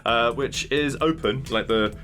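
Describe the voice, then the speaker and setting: A man's voice: mid-range voice, measured pace, fairly bright tone, faint music behind. A man narrating a tabletop game as game master, rambling loosely with many fillers. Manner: rambling, full of likes and uhs.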